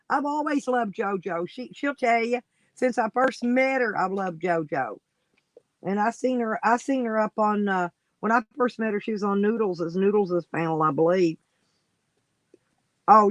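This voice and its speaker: A man with a drawl chats loosely on his livestream, sliding from one topic to the next and coaxing viewers to join. His voice sits high for a man. The sound is dry and close, with no room around it. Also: no room sound, rough recording. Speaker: livestream host. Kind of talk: casual livestream chat.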